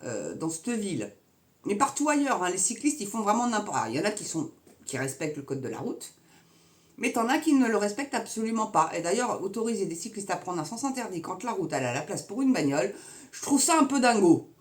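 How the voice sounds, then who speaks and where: A woman's voice: mid-range voice, sing-song, a little fast. A woman from Normandy ranting sarcastically about the news to her viewers in a casual, slangy way. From Normandy, France. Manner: sarcastic, slangy, scornful, addresses viewers directly. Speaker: vlogger commenting on the news. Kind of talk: casual political rant to camera.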